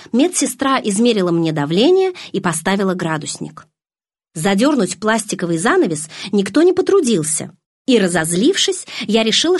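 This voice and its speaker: A woman reads a first-person novel aloud with lively, expressive delivery. Her voice is husky at a middle pitch, recorded close and dry. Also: dry recording. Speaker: audiobook narrator.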